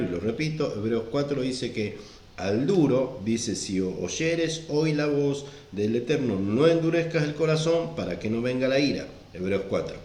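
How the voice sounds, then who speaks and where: A man's voice: mid-range voice, darkish tone. Male pastor, sermon delivery, insistent and repetitive, reverberant room. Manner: repeats and stresses verse references.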